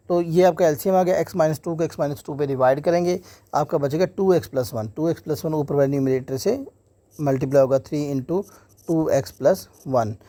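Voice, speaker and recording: A man's voice: a little high, mellow, dry recording. A man teaching an exam maths lesson step by step, mixing English terms into Hindi and often saying "theek hai ji". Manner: slows right down when dictating English steps.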